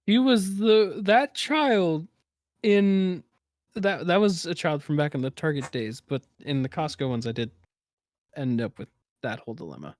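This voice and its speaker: Young male co-host, slightly high voice, sarcastic storyteller, close dry mic. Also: measured pace, no room sound. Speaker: podcast co-host. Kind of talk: casual chat.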